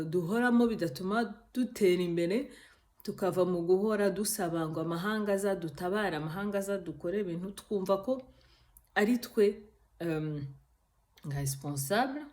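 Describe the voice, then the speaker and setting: A Kinyarwanda-speaking woman from Rwanda hosts her own YouTube channel, chatting casually and earnestly to camera. Her voice is lowish and darkish, and she pauses often, hesitating with frequent fillers.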